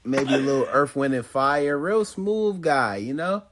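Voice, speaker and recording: A man's voice: mid-range voice, expressive, unhurried, fairly bright tone. A man with an American accent hosting a podcast, telling jokey, slangy stories in casual banter with friends. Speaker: podcast host.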